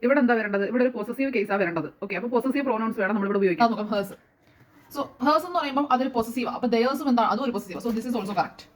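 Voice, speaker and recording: Fast-talking Malayali woman teaching grammar. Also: on the high side. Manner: asks questions and answers them herself, mixing in English phrases. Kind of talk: explaining grammar lesson.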